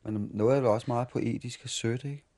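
A Danish man in his forties tells stories from his life as a street performer during an interview. He speaks haltingly, restarting and repeating words as memories come back, in a steady, dark, mid-range voice.

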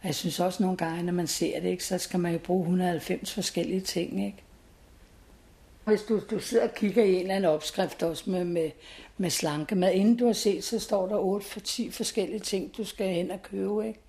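A woman's voice: on the low side, fairly even intonation, mellow. A woman in her sixties talking casually in an interview, chatty and always adding tag questions.

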